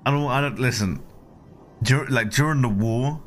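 A man's voice: medium pitch, normal speed, slight background noise. A man in casual, blunt, teasing role-play banter, often repeating his phrases.

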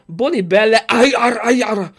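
Male streamer with a high voice, animated and jokey, reads the chat aloud. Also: slightly rough. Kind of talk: casual live-stream chat.

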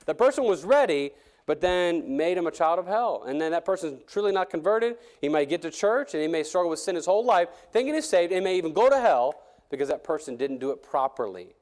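A man preaching a sermon in a church, talking in a halting way with many fillers and restarts. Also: a little high, big pitch swings, a little mellow.

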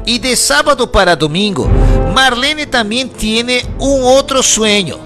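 A man slowly telling a personal story in the first person, halting and conversational. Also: extremely high pitch, expressive. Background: music.

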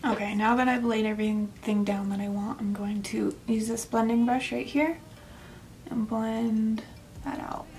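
A woman's voice: a little high, level tone, unhurried, a little mellow, a little hiss or hum. A young woman narrating a makeup tutorial in a casual, step-by-step way, sometimes dropping to a near whisper. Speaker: makeup vlogger.

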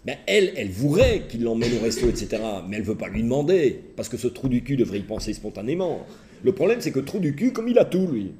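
A man's voice: mid-range voice, fast, background noise. A middle-aged man, a therapist, giving a humorous lecture and telling stories while mimicking the people in them. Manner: lively storytelling, mimics characters' voices. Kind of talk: humorous lecture with acted anecdotes.

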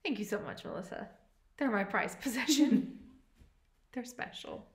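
A woman's voice: a little high, animated, a little slow, reverberant, slight background noise. A woman co-hosting a podcast, chatting casually and enthusiastically about knitting. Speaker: podcast co-host.

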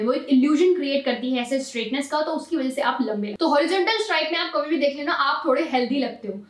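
A young woman giving casual fashion tips in a chatty vlog, mixing English words into her Hindi and calling her viewers guys. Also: sits high. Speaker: fashion vlogger. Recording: roomy echo, from a distance.

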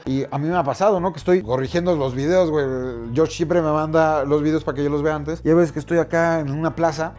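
Slangy Mexican man, higher voice. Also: a little mellow. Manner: slang-heavy, playful, acts out other people mid-story. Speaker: comedian and YouTuber. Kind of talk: casual anecdotal vlog.

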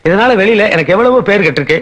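Henpecked rich patriarch, quick talker, shouts threats. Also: male voice, high voice, lively intonation. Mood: plaintive. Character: blustering older rich father-in-law, henpecked. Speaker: actor playing a rich bearded father-in-law. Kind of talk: film comedy dialogue.

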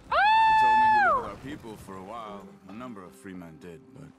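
An actor playing a calm, quiet outlaw who speaks plainly. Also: male voice, mid-range voice, fairly quick, highs cut off. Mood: somber. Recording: game audio with loud background noise.

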